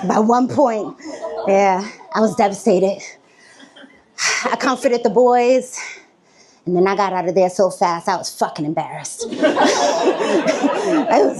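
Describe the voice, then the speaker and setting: A woman performing a stand-up comedy set on stage, telling a story and laughing between her lines. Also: medium pitch. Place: comedy stage before a live audience.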